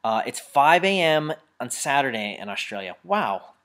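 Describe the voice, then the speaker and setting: A man's voice: mid-range voice, very animated, moderate pace, fairly bright tone. A man casually chatting on a live webcam stream from home, rambling as he reads out and answers viewer comments. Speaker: live chat host answering fan questions. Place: home room.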